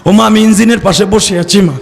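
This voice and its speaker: A man's voice: sits high, quick pace, vocal fry, big-room sound. A man preacher voicing a young man on a sinking ferry, begging his mother for forgiveness in a pleading, repeating way. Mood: desperate.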